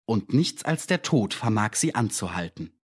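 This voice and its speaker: A man voicing a calm, uncanny male visitor who speaks in measured, coolly accusing tones in an audiobook reading. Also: fairly low pitch, husky.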